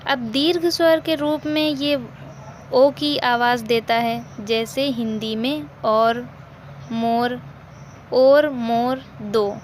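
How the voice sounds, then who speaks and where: A woman with a fairly high voice teaches a language lesson at a very slow, deliberate pace. She repeats each example and poses questions she answers herself. Faint background noise sits under her voice. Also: fairly even intonation.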